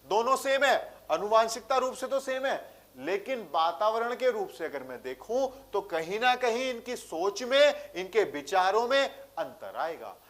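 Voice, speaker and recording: A man's voice: high-pitched, sing-song, measured pace, a bit bright. A male teacher with a rural Hindi way of speaking, giving an exam-prep lecture and answering his own rhetorical questions. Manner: speaks with a village-style way of talking.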